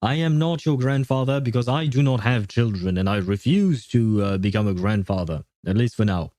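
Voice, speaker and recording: A man with a lowish, mellow voice talks at an ordinary pace, recorded cleanly in a studio with no echo. He's hosting a laid-back gaming livestream, rambling, cutting himself off, and grumbling playfully with his viewers.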